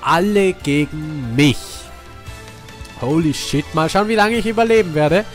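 A young man from Austria with a cold hosts a casual let's play at a measured pace, game music playing behind him. He jumps from excited shouts to quiet mumbles, his voice congested.

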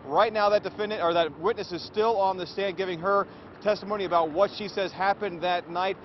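A man's voice: sits high, fairly even intonation, a little fast. A man in his thirties giving a live news report outdoors on a city street as a TV reporter. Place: outdoors on a busy downtown street. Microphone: handheld reporter mic. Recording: slightly dull sound, faint street noise.

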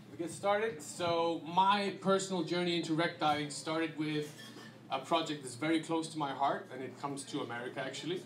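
A man's voice: fairly high pitch, background noise. Icelandic man presenting in an echoey room. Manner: relaxed, conversational with frequent fillers. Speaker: guest presenter. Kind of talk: slide presentation to an audience. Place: dim restaurant event room. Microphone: handheld mic.

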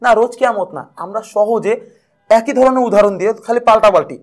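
A high-pitched young man teaches an exam prep lesson at a quick clip. He keeps it lively and playful and goes over each key point more than once.

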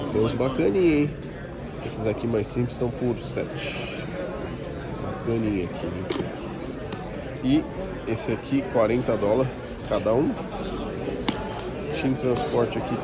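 A Brazilian toy collector and vlogger with a Brazilian Portuguese accent and a medium-pitched voice walks around a busy toy convention, chatting informally in slang. He records on the move, and crowd chatter from the convention fills the background.

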